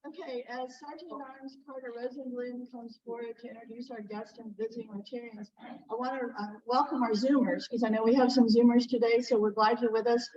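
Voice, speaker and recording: A woman chairing a club meeting, making brisk, welcoming announcements. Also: on the high side, fairly even intonation, darkish tone, dull audio, slight background noise. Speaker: club president.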